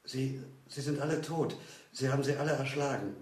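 A desperate young woman stammers out her pleas, tripping over repeated words, as a male reader voices her. The voice sits a touch higher than a plain reading voice. The sound rings in a roomy space. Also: steady tone, a little fast, far from the mic, lightly acted. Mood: pleading. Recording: roomy echo.

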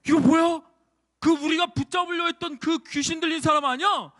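A man voicing excited village men who exclaim and question in astonishment. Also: very high voice, brisk, voice pushed up. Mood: astonished.

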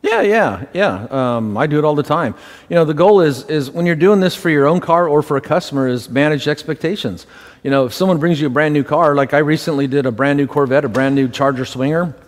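A man's voice: fairly high pitch, a little fast. A middle-aged man teaching a live detailing class, answering questions in a direct, practical way with lots of "you know" and "look". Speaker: detailing instructor. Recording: reverberant room.

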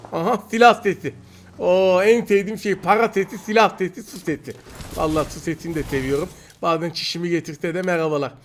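A young man giving excited gameplay commentary, teasing and trash-talking his opponents. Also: sits high. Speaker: mobile game streamer. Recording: noisy game audio with gunfire. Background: gunfire and game sounds.

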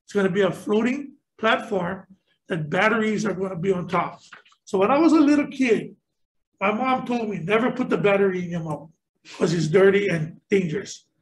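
A man's voice: sits high, normal speed, poor audio. A middle-aged man questioning a nominee at a legislative hearing in an earnest, rambling way, speaking through a mask into a table mic. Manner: earnest, rambling, repeats words while searching. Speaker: state senator questioning a nominee. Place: government hearing room. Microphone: table microphone, wearing a face mask.

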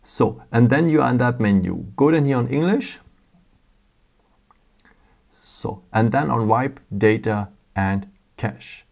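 A man's voice: medium pitch, animated, slow, gravelly, pauses often, darkish tone. A man hosting a casual step-by-step phone tutorial, patient, with frequent fillers and non-native phrasing, recorded indoors at a table. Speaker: tech tutorial host.

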